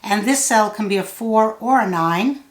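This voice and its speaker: A woman giving a solve-along tutorial, thinking out loud step by step in a measured way. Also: mid-range voice. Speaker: puzzle tutor. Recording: roomy, echoey sound.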